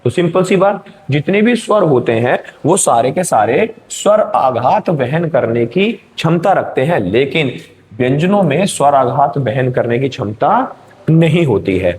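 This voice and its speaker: A man's voice: a little high, lively intonation, measured pace, darkish tone, slight background noise. A male teacher giving an exam-prep grammar lesson, explaining step by step and checking in with his students.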